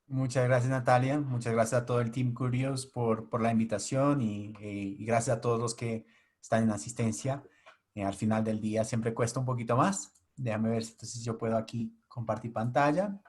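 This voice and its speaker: A man in his thirties, a native Portuguese speaker with a Portuguese accent, gives an explanatory webinar presentation as a guest speaker over a video call. His mid-range voice is a little mellow and moves at normal speed.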